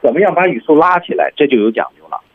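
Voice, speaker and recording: A man's voice: on the high side, animated, very fast, slightly rough, narrow, tinny audio. A male English teacher explaining speaking technique on a radio lesson, going step by step and repeating example lines.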